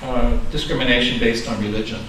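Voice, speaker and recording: A man's voice: medium pitch, steady tone, fairly quick. Chuckling older man, echoey distant dharma talk. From Los Angeles, USA. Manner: conversational and chuckling, self-deprecating. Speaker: Buddhist minister. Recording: echoey room, distant mic, background noise.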